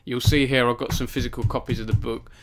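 A man's voice: medium pitch, level tone, fast. A young man hosting a casual live stream from his home cabin, rambling with many fillers and self-deprecating asides. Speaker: author hosting a book launch stream.

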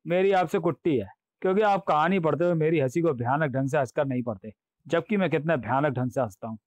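A man's voice: fast, dry recording, lo-fi sound, lightly acted. A man doing a gleeful, gloating comic-book demon. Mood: teasing. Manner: booming laughs, sing-song chants, teasing asides to readers. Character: boastful male demon, gleeful and menacing. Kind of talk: comic audiobook voice acting.

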